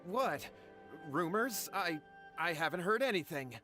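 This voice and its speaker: A man's voice: sits high, animated, unhurried, pushed and bright, exaggerated voice. An actor playing an anxious, deferential young man in a video game, speaking in an earnest, polite and imploring way. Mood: flustered. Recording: background music under the voice.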